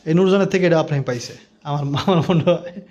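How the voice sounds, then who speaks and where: A man's voice: a little high, fast, a little mellow, muffled recording. A man and father chatting in a casual family vlog at home, speaking patiently into a phone held close to his mouth and explaining things at length. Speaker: vlogger and father. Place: at home indoors. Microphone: phone held in front of mouth.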